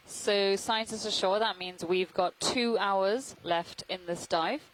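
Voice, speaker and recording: A woman giving live, thoughtful commentary with frequent ums as science narrator on a deep-sea livestream. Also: slow pace, a little hiss or hum, poor audio.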